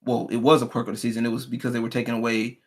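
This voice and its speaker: A man's voice: mid-range voice, level tone, rapid-fire. A man from Texas with an American accent, chatting casually in a hesitant, repetitive way. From Texas, United States. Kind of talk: casual chat.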